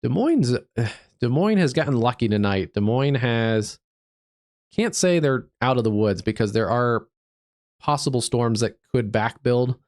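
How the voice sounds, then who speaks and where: A man hosting a live severe weather stream as a meteorologist, stuffed up from allergies, talking through the radar in an easygoing, halting way with many fillers. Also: mid-range voice, expressive, a little mellow, no room sound, studio quality. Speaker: digital meteorologist, livestream host.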